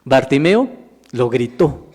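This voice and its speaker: A man's voice: medium pitch, sing-song, takes it slowly, a little mellow. Preaching man in a reverberant hall. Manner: preaching with rhetorical questions to the congregation. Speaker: minister. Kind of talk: sermon. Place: church hall.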